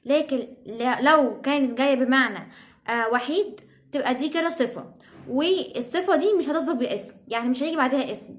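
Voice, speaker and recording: Young egyptian woman teaching english words, fast, keeps asking if you're following. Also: high-pitched. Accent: Egyptian Arabic. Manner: repeats "تمام؟" as a check-in. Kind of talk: explaining English vocabulary.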